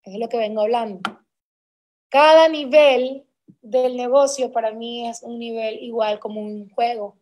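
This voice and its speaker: A woman's voice: on the high side, fairly even intonation, moderate pace, a little mellow. A woman giving an emphatic, repetitive motivational talk to a sales team as a conference speaker. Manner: emphatic and repetitive, building intensity.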